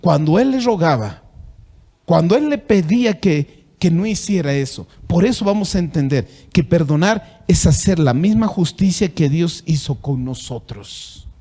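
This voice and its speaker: A man's voice: animated, unhurried, warm tone. A man with a Bolivian Spanish accent preaching a sermon as pastor, reading scripture aloud and repeating words as he searches for phrasing. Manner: preaching with rising emphatic pitch when reading scripture.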